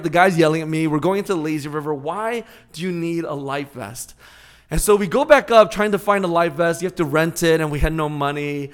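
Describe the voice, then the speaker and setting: Male pastor, forties, slightly raised pitch, conversational storytelling sermon. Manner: storytelling, animated, conversational asides.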